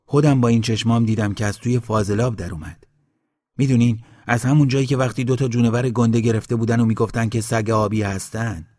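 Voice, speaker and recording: A man voicing an excited young man in a crowd who tells what he saw in an insistent way. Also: mid-range voice, dry recording, studio quality, lightly acted.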